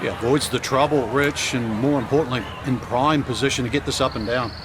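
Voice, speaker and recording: A man's voice: mid-range voice, brisk, background noise, natural voice. A man as a conversational golf commentator, giving analysis in a video game. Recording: loud outdoor ambience behind.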